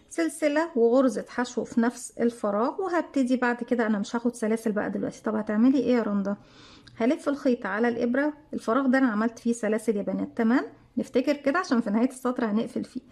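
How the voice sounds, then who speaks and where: A woman with an Egyptian Arabic accent leads a crochet lesson, talking quickly in a somewhat high voice. She counts each stitch aloud and poses questions to herself before answering them, in the steady manner of a tutorial. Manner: talks herself through steps, counts stitches aloud, asks and answers her own questions. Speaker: crochet teacher. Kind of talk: step-by-step tutorial narration.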